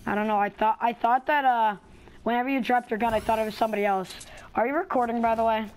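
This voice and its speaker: A young woman hosting a gaming video, chatting casually and quickly with a friend while playing. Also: on the high side, fairly even intonation, a little hiss or hum, rough recording. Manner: chatty, talks fast and restarts often. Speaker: gaming channel host. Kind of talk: casual gameplay chat.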